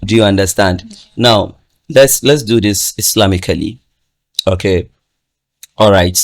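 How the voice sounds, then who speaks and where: A man's voice: on the low side, measured pace. A man giving advice in a casual podcast discussion, emphatic and repetitive, checking that listeners follow him. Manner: emphatic, repeats "do you understand?", laughs often.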